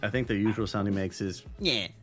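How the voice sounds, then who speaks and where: A man's voice: lowish voice, fairly even intonation, quick pace, faint music behind. A man co-hosting a boxing podcast in loose, profane casual chat, laughing often. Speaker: podcast co-host.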